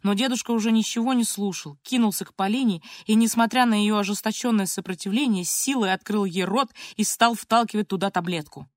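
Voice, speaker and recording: A woman's voice: medium pitch, a little fast, hardly any pauses, no echo, clean studio sound. Woman reading an audiobook expressively. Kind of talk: audiobook narration.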